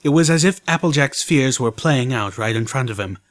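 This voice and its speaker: A man narrating a fan fiction audiobook in the first person, with steady storytelling. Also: medium pitch, a little fast.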